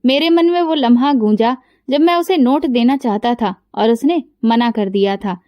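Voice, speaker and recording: A woman narrating a scripted first-person story in a steady, emotional way. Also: a little high, moderate pace, no echo.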